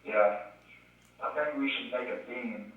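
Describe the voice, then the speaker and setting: A man's voice: medium pitch, a little slow. A man speaking from jail on a recorded phone call, dry and mildly sarcastic. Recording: muffled echoey call recording from far off.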